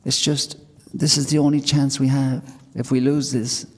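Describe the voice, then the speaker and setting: A man's voice: medium pitch, flat delivery, normal speed, voice pushed up, natural voice. A man voicing a frightened young farm girl who fiercely protects her horse. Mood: pleading. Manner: pleading, breathless urgency. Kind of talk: storytelling. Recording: long hall reverb.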